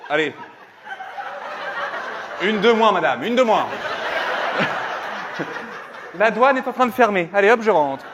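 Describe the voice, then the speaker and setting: A man doing punchy stand-up comedy, animated and slangy, teasing his audience as he goes. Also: high voice, moderate pace, dull audio. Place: live comedy show before an audience. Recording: echoey live venue, loud audience noise.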